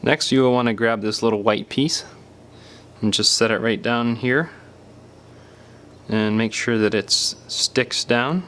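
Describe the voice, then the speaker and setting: Smooth, fairly bright and medium in pitch, this man's voice moves at a measured pace with long pauses. He presents a repair tutorial casually and without a script, walking through each step and occasionally trailing off mid-phrase.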